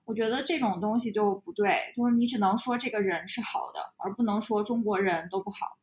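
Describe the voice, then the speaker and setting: A woman from China, co-hosting a podcast and talking in a reflective, measured, casual way. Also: medium pitch. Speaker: podcast co-host. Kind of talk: casual conversation. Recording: echoey room.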